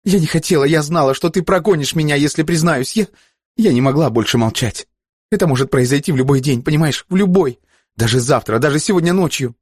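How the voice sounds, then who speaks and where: A man reading an audiobook voices a frightened young woman who confesses in a soft, near-whispered voice and breaks into desperate cries. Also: low voice, fairly even intonation, fast, breathy edge, no echo, studio quality. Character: frightened young woman agent, tearful and pleading.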